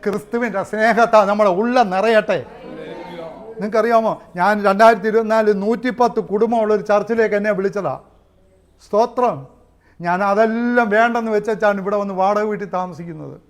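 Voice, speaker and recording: A man preaching a fiery sermon, swinging loud shouts to low asides with praise exclamations. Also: fairly even intonation, fairly quick. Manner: swings between shouting and near-muttered asides, with tongues and exclamations. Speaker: pastor. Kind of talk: Pentecostal sermon.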